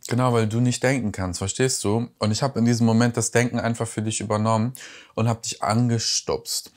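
Man, reaction host, casual sarcastic commentary, mid pitch. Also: fairly even intonation, brisk. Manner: sarcastic, mocking.

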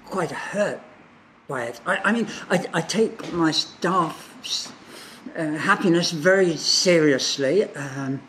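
A man's voice: fairly high pitch, fairly bright tone. An older man plays a hard-up pantomime baron. He is hesitant and wounded, with a shifty air, over faint background noise. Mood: sheepish. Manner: hesitant, halting. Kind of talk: comic pantomime mock interview. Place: indoor bar.

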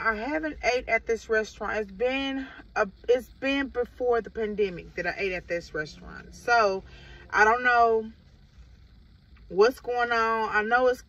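Sitting in a parked car, a middle-aged vlogger with a Midwestern American accent chats in a loose, rambling way to her viewers. Her medium-pitched, slightly bright voice sounds far off since the phone is at arm's length, giving muffled audio with some light car noise.

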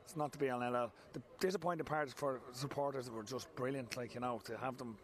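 Irish man in his forties, football manager, rapid and candid, stop-start phrasing, recorded pitchside at night. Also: fairly bright tone. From Ireland. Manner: frank, repeats himself, many restarts. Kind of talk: post-match interview. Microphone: handheld mic held close.

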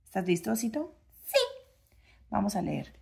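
A woman's voice: medium pitch, lively intonation, unhurried, gravelly. A woman, reading a phonics book aloud to a child and sounding out the letter sounds in a sing-song way.

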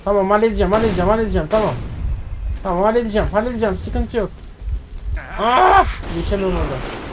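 A man giving live gameplay commentary as a streamer, excitable, swearing and yelling at the action on screen. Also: high voice, racing, very noisy. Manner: excitable, swears and yells at the game. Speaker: gaming streamer.

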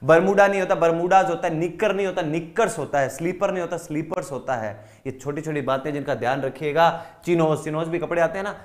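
Animated man teaching a Hindi-English grammar lesson. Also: a little high, quick pace, hardly any pauses. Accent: Indian. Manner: explains in Hindi with English terms, drills word lists and checks understanding. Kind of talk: online exam-prep lesson.

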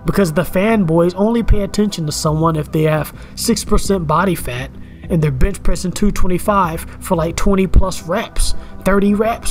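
A fitness vlogger in his thirties rants to a camera indoors at home, casual and loose, repeating words, circling back to the same phrases and saying "you know what I'm saying." His voice is high for a man, and faint music plays quietly underneath.

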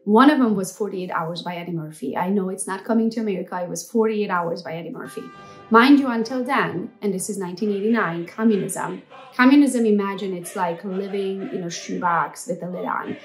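A woman's voice: medium pitch, fairly quick, soft background music. A woman in her forties from Transylvania, telling her life story in a chatty, playful vlog and talking straight to her viewers. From Transylvania, Romania. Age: 40s. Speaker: entrepreneur vlogger. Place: home office with window, then old school building.

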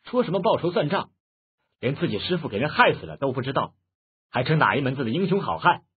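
Old martial master, touchy and proud, narrator's put-on voice; lo-fi phone sound. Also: male voice, on the high side, very animated, fast talker, husky, heavily acted. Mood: indignant. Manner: indignant, sharp. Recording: muffled phone-like lo-fi audio.

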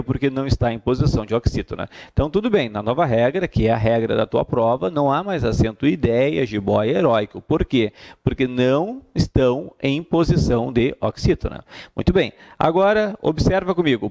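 A man's voice: on the high side, a little mellow. A man with a Brazilian Portuguese accent teaching an exam-prep grammar lesson, emphatic, repeating key points and answering his own questions.

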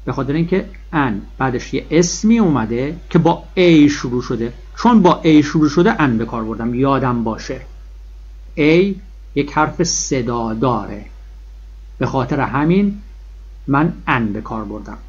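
A man teaching an English grammar lesson in a classroom style, stressing and repeating key points and stretching out example words slowly. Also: medium pitch, expressive. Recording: dull lo-fi husky recording.

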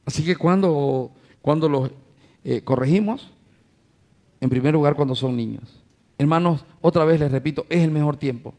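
A pastor preaches in a fairly high male voice, calling his listeners brothers. He leans on rhetorical questions and acts out little scenes of home life to drive each point home. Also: normal speed, warm tone. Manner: addresses the congregation as brothers. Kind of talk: sermon.

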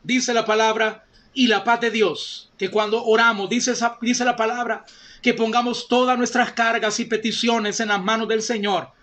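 High-voiced man preaching fervently. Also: level tone, normal speed, fairly bright tone. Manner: fervent preaching, addresses listeners as brothers and sisters. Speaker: pastor. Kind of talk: sermon.

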